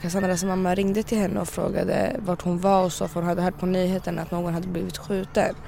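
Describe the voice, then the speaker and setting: A teenage girl, a friend of the victim, retelling a night's events in a colloquial, animated way, often quoting herself and others. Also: on the low side, vocal fry, slight background noise. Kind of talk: casual recounting.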